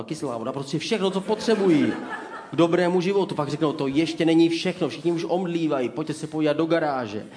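A man preaches an ironic sermon. He hands out sarcastic mock advice and tells his stories with lively, animated energy. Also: medium pitch.

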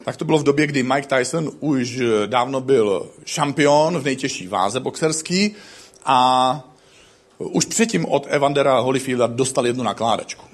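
Husky man preaching a sermon. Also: mid-range voice. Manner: animated storytelling with acted quotes.

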